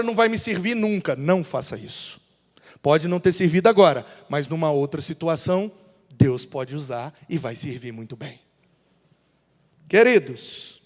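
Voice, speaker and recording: A man preaches with a high, lively voice. His sermon rolls through a church hall with a long reverb trailing each phrase. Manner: lively preaching, acts out biblical dialogues in voices. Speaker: pastor.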